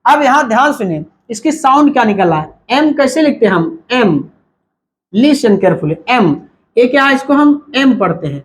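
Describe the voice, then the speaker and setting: High voice, male teacher, repeats each point as a question and answers it himself, a grammar lesson in mixed Hindi and English. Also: big pitch swings, brisk, few pauses. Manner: repetitive, asks and answers his own questions; mixes Hindi with English terms.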